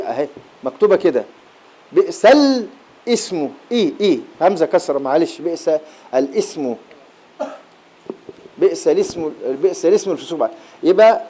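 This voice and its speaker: A man with an Egyptian Arabic accent teaches a recitation class at a brisk clip, his voice sitting a little high for a man. He breaks off to chant short verse fragments and repeats single words slowly to drive them home. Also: darkish tone. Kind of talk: classroom lesson on recitation readings. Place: lecture hall at an Islamic boarding school.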